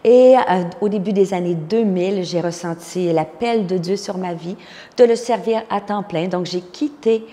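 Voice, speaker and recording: Speaking at a normal speed in a mellow, lowish voice, this Québécois woman in her fifties, a pastor and speaker from Quebec, Canada, tells her testimony earnestly and uses plenty of fillers. A long reverb tail follows her words.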